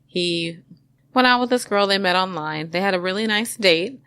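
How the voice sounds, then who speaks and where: A woman's voice: mid-range voice, moderate pace, clean tone. A woman co-hosting a podcast, telling stories in casual chat and laughing often. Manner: laughs a lot, animated storytelling. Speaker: podcast co-host.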